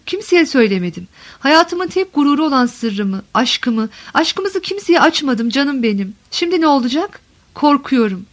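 For this audiobook of a literary novel, a woman reads the part of a middle-aged wife in despair, whose high, tender voice carries her longing. Her pleading and insistence are deeply emotional, and the tone comes across a bit bright.

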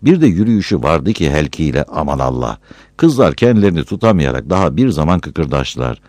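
A man's voice: rumbling low, brisk, dry recording. A man reading a village story aloud and doing the voices of its characters. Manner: lively storytelling.

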